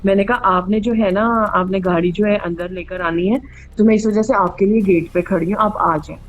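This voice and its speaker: Over dull, band-limited audio with music beneath, a woman speaks at normal speed in a medium pitch with fairly even intonation. She hosts a true ghost story show, telling her own stories casually and peppering them with English phrases.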